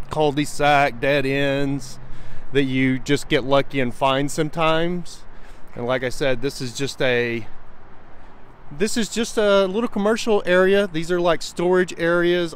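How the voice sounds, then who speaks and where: A man in his forties chatting casually to viewers outdoors on a quiet road, filming himself with a handheld camera at arm's length. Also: medium pitch. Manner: relaxed and chatty, talking to viewers. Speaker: vlogger. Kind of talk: casual vlog. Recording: faint outdoor traffic noise.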